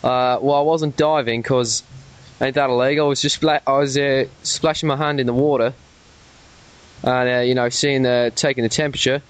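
Over a telephone line, an Australian man makes a prank call in a mid-range voice, his tone steady and his pace moderate. He rambles and stammers along, cursing whenever he gets worked up.

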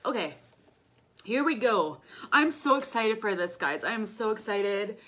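A young woman hosting a casual livestream from home, emotional and tearful, excitable, laughing often between her words. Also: medium pitch, measured pace. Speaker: livestream host, direct seller. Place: at home, indoors. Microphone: phone or webcam.

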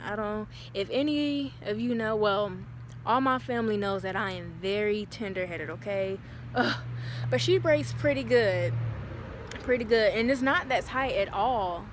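A woman's voice: medium pitch, measured pace. A woman vlogger chatting casually and talking straight to her viewers on a phone camera. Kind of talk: casual vlog chat. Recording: noisy background hiss.

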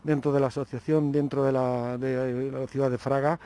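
A man's voice: medium pitch, little pitch movement, normal speed, warm tone. A man interviewing a guest for local television, speaking formally in long, winding sentences. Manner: formal, long-winded phrasing.

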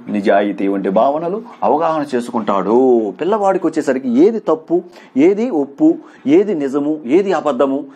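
A man's voice: a little high, a little mellow, slightly rough. A man in his thirties teaching a lesson, turning each key point into a quiz question and answering it himself. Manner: stresses points with "very, very important". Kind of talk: exam-prep lecture.

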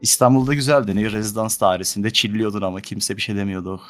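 Fast-talking low-voiced young man. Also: steady tone. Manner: fast, rambling storytelling. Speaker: streamer. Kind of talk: casual chat with friends. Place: home room.

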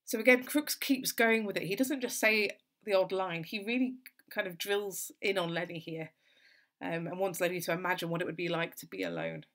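With a lowish voice and a moderate pace, a woman tutor works through an exam-revision literature lesson. She explains in a steady, reflective manner, dropping in "so" and "kind of" a lot.

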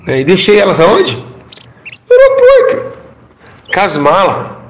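A man's voice: sits high, normal speed, a bit bright, slight background noise. A middle-aged Brazilian man and former pastor gives an emotional testimony. He tells the story dramatically, repeats his phrases and has the audience repeat after him.

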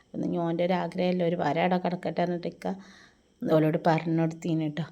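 A woman's voice: lowish voice, flat delivery, fast, muffled recording. A mother vlogging about her family in a Malabar Malayalam accent, giving a chatty voice-over narration recorded in a separate room at home. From Malappuram, Kerala. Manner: chatty, warm tag words at line ends. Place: indoor room, recorded apart from the filmed scenes. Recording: noisy home recording, kids in background.

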